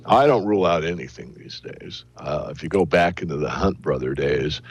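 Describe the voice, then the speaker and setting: A man answering interview questions in a deliberate, hedging, analytical way. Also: a bass voice, slightly rough, no room sound. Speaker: interview guest, silver analyst.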